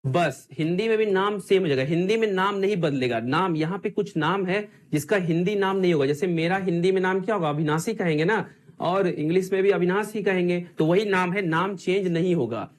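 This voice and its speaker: A man's voice: high voice, fairly quick. A man teaching an online exam-prep class, asking his students the same questions again and again in call-and-response drills.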